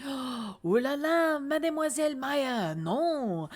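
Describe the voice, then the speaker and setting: A woman's voice: high-pitched, expressive, slow pace, voice pushed up. A woman voicing a flamboyant male French restaurant owner in a fake French accent, drawn out and theatrical. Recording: game music behind.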